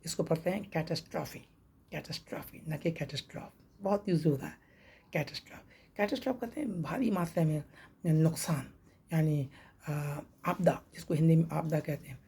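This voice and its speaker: A man teaching English pronunciation, repeating each word slowly and spelling letters out. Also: a little high, warm tone. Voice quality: gravelly, husky. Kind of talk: pronunciation lesson.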